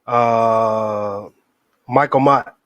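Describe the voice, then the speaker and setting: A man's voice: mid-range voice, very slow, muffled recording. A man hosts a casual live interview in a laid-back, easygoing way, with plenty of slang. His voice sounds dry and close, with no room echo. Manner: laid-back, relaxed slang-heavy talk. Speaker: interview host.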